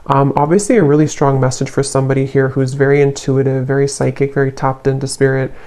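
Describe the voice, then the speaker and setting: A tarot reader talks through a card spread in a mellow, warm tone. The delivery stays flat and even, unhurried, often pausing to search for the next word. Soft fillers drift in between the thoughts. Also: mid-range voice. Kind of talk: tarot card reading to camera.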